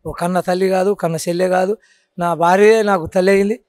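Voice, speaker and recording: A man's voice: sits high, fairly even intonation, a little fast, a little mellow, dry recording. A man with a Telangana Telugu accent, a folk storyteller telling his cancer story in an interview, earnest and repeating his points. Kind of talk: casual interview.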